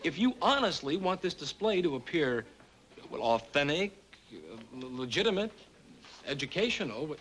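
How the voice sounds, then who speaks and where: An actor playing a harried young newspaper reporter, exasperated and stammering, in a 1960s sitcom. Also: male voice, a little high, sing-song, moderate pace, a bit bright, a little hiss or hum. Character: harried young male reporter, put-upon nephew.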